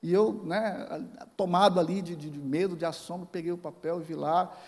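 A Brazilian pastor in his forties preaches in a large church hall, his slightly high voice carrying a long reverb tail. He tells a personal story, acting out the dialogue with big emotional swings. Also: steady tone, normal speed, darkish tone. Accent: Brazilian Portuguese. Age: 40s. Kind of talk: sermon.

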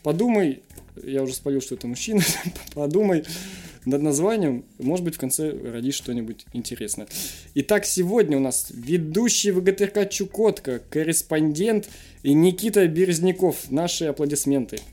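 A man's voice: on the high side, lively intonation, moderate pace, warm tone. A man hosting a casual interview show, joking and self-deprecating, who burrs his r sounds.

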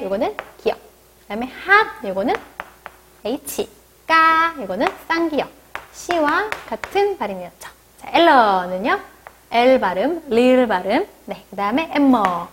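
A woman teaching a video lesson on pronunciation, explaining step by step and modelling each sound slowly. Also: a little high, a little hiss or hum. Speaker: language teacher.

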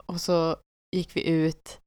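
A woman's voice: deep voice, flat delivery, darkish tone, clear, resonant tone, no room sound. Young woman telling a self-mocking story. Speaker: podcast co-host. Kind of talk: casual chat.

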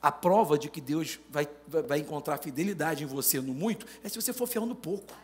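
A man's voice: fairly high pitch, a little fast, a crowd in the background. A man preaching a sermon, firing rhetorical questions at the congregation and rising to emphatic declarations.

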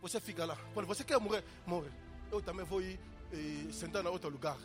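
A man preaching, swinging between shouted calls and quiet storytelling, with an interpreter following. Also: sits high, fairly quick, music in the background. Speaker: visiting prophet preaching. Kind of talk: sermon with interpreter.

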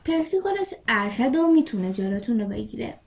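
A woman's voice: a little high, sing-song, gravelly, darkish tone. A woman voicing a bossy know-it-all schoolgirl who scolds the boys in a read-aloud story. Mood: scolding. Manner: preachy, scolding.

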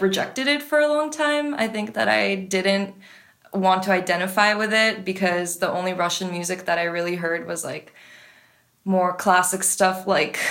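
Young woman, American, casual interview talk, filler-heavy, easygoing. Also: medium pitch. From United States. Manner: relaxed, filler-heavy, lots of "like". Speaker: guest, music supervisor. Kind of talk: casual conversation.

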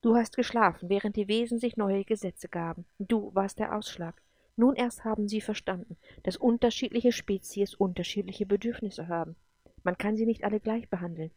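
Woman reading a wise guardian spirit, female, calm and consoling, dry close sound. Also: mid-range voice, moderate pace, no echo, natural voice. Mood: gentle solemn.

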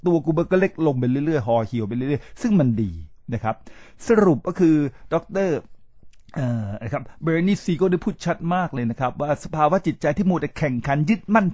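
An older man hosting a spoken commentary on a book, animated and exclaiming, often speaking straight to his listeners. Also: fairly high pitch, no echo. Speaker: host.

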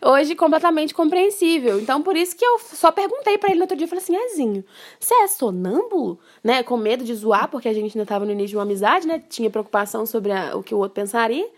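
A woman hosting a podcast, telling a story in a lively, emphatic way and laughing often. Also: a little high, rapid-fire, hardly any pauses. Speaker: podcast host. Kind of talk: casual storytelling chat.

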